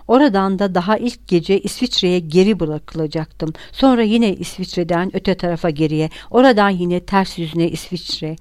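A woman reading a novel aloud as a steady, measured audiobook narration. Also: lowish voice, dry recording, studio quality. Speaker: audiobook reader.

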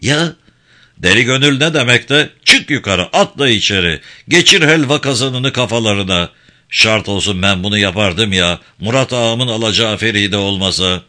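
A man's voice: lowish voice, expressive, normal speed, sharp tone. A man voicing a burly, hot-tempered young village strongman in a storybook reading. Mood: boastful.

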